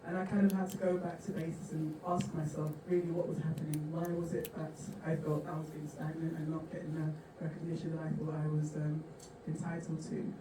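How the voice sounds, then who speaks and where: A woman's voice: sits low, little pitch movement, a little fast, hardly any pauses. A woman from Nigeria answering on a conference panel in a conversational way with many fillers. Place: large conference hall. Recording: echoey hall from far off, noisy.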